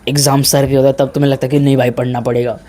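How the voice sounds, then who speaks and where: A man's voice: mid-range voice, flat delivery, rapid-fire, mellow, slight background noise. A young man giving casual, blunt advice on gym and studies, slipping English into his talk and calling his listeners brother. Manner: informal, mixes English in, says "bhai" a lot. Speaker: fitness vlogger.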